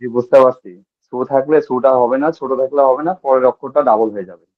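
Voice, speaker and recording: Quick-talking male student on a tinny line. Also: mid-range voice, no echo. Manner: quick, restates the rule to confirm.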